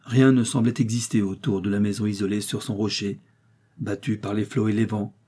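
A man narrating a novel aloud in a measured, expressive reading. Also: on the low side, husky. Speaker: audiobook narrator. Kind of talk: scripted narration.

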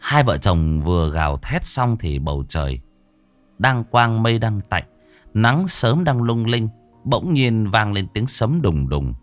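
A man's voice: lowish voice, big pitch swings, a little slow, faint music behind. A man narrating a horror story in a vivid, theatrical, gory way.

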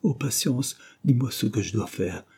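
A distressed young mother speaks in a strained, lifted tone, put on by a man reading a storybook. Her voice stays husky and dark despite the higher pitch. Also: animated, moderate pace, exaggerated voice.

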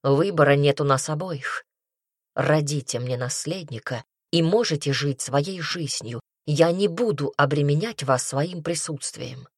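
A haughty young lord with a quick temper speaks in clipped, hissing phrases, as a woman reader puts him on. The voice sits low and sounds dry and close, with no room around it. He reproaches rather than shouts, keeping every word tight. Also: slightly rough, dry recording, heavily acted. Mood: cold. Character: cold, proud young nobleman, quick to anger. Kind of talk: audiobook character voice.

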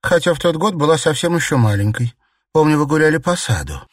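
A man reading an audiobook and voicing a polite young noble girl, brisk and eager, with his voice lifted. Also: on the high side, animated, dry recording, studio quality, recorded from a distance, pitched above the performer's own voice. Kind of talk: audiobook character voice.

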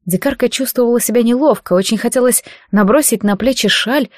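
A woman's voice: a little high, brisk, dry recording. Woman narrating a story, dry close sound. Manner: expressive storytelling reading. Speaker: audiobook narrator. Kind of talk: scripted narration.

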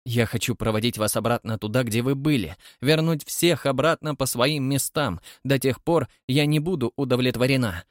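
A man reading an audiobook voices a thin, prim spinster woman who speaks calmly, mildly and with quiet menace. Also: mid-range voice, moderate pace, hardly any pauses, no echo, studio quality, lightly acted. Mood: calmly commanding. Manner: calm, mild, quietly menacing.

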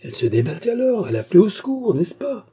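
A man's voice: mid-range voice, very animated, fairly quick, mellow, husky. A man voicing an anguished young working-class cabinetmaker in an audiobook, asking urgent, pleading questions in a raised voice. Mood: anxious pleading.

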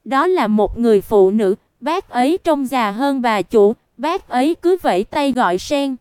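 Brief: woman storybook narrator, high, very smooth voice, steady reading. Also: dry recording, clean studio sound. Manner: even, unhurried reading that voices the punctuation aloud.

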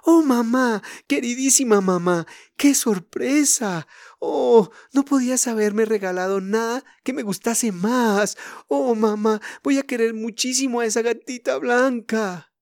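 A man voicing an excited little girl on her birthday, with breathless, pleading exclamations. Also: sits high, fairly quick, few pauses, no echo, clean studio sound, voice pushed up.

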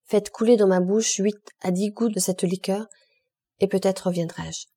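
A woman's voice: medium pitch, steady tone, normal speed, dark tone, husky. A woman voicing an old male priest prisoner who speaks with urgent, fading pleas in a storybook reading.

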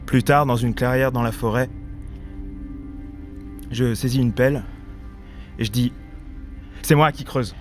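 A man doing a cold armed man, telling it in a flat, insistent, repetitive way. His voice sits at an ordinary pitch, and faint music plays under the stage recording. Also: a little slow, long pauses, lightly acted. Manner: flat, insistent repetition, shouts quoted lines. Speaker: stage actor. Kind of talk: theatrical monologue.

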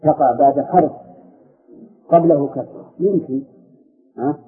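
A man's voice: a little high, measured pace. A man leads a grammar lesson, walking through verses and stopping to question and correct his students. His voice comes through a narrow, tinny recording. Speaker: sheikh teaching grammar. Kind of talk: classroom lesson explaining verse. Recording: tinny phone-like audio.

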